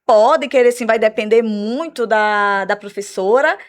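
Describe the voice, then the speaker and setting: An English teacher with a Brazilian Portuguese accent describes her school's program on the radio, her pitch a little high. Her delivery is measured and explanatory, full of repeated words and "né?" fillers.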